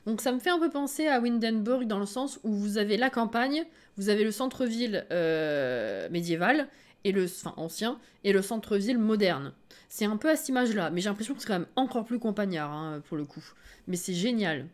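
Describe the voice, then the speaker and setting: A woman streamer reacting live to a game trailer, excitable, laughing often and thinking aloud. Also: mid-range voice, brisk.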